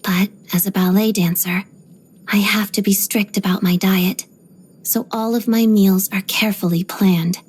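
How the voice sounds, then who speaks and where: A young ballerina character from a video game delivers voice lines in a soft, breathy, mid-range voice that often thins toward a whisper, with fairly even intonation. Calm and musing, she is composed, measured, polite but guarded, with a proud, quietly haunted temper beneath her discipline.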